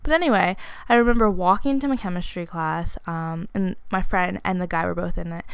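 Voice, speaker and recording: A woman's voice: fairly low pitch, a little fast, vocal fry, smooth, no echo. A woman in her twenties telling a personal story in a casual, chatty way, with lots of "like" fillers and laughs slipped in. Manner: chatty, many "like" fillers, laughs while talking.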